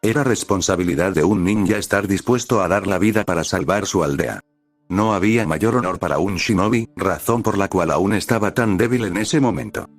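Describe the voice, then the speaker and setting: Deep-voiced man narrating a story. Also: fairly quick, no room sound. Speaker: fan fiction reader.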